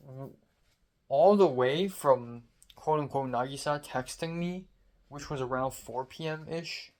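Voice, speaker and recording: Late at night, a young vlogger from Hong Kong talks into the camera for his diary vlog despite a sore, strained throat. In a mid-pitched voice he rants sarcastically, swears often and pokes fun at himself.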